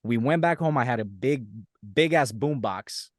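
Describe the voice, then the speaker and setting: A Romanian musician appears as a podcast guest, chatting casually and telling animated stories in which he acts out quotes. His voice is medium-pitched at a moderate pace. The studio-quality recording has no room sound.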